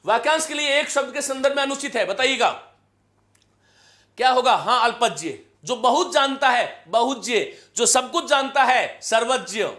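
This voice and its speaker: A man with a very high voice teaches an online grammar class. He says key phrases over and over and keeps asking his students questions. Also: expressive, normal speed, sharp tone. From India. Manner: chants verse for students to repeat.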